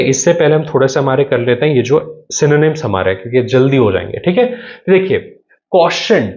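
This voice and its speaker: A man's voice: medium pitch, darkish tone. A man teaching English grammar for an exam, mixing English terms into his explanations and checking in often with "theek hai". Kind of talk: exam-prep grammar lesson. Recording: slightly dull lo-fi audio.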